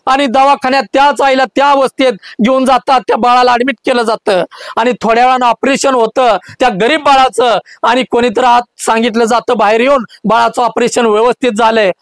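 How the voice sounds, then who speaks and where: A man delivering a motivational speech with fervent, emotive storytelling and a rousing call to his listeners. His voice is very high for a man, and the sound is dry and close. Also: steady tone, brisk, fairly bright tone, smooth, no room sound. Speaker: motivational speaker.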